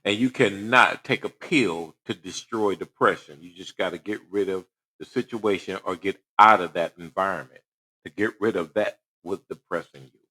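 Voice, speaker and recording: A man's voice: low-pitched, moderate pace, pushed and bright. A man hosting reaction commentary on a news clip, talking in a preachy way and firing rhetorical questions. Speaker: commentary host.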